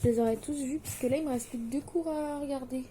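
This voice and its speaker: Chatty teenage girl, soft mellow voice. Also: high-pitched, fast talker, slight background noise. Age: late teens. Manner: chatty, hesitant, with many fillers and restarts; anxious, self-deprecating. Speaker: distance-learning student vlogger. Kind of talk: casual chat to camera.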